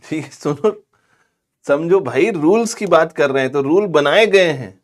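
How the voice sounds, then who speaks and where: A man teaching English grammar in a chatty, scolding classroom lecture. He drags out example words slowly. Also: fairly high pitch. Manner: chatty and scolding, calls students "bhai" and "pagle".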